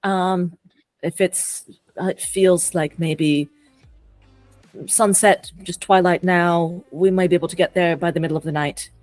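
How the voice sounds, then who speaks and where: Lady playing a tabletop game in character, dry sound, slightly low voice, weighs things out loud. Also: steady tone, no room sound, faint music behind, rough recording. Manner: deliberate, weighs options aloud. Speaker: player. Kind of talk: tabletop role-play in character.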